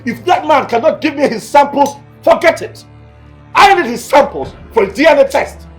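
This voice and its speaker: A man's voice: very high-pitched, animated, normal speed, faint music behind. An actor with a Nigerian accent playing a defiant young man who rejects a royal claim, agitated and repeating himself. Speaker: young man told he is a king's heir.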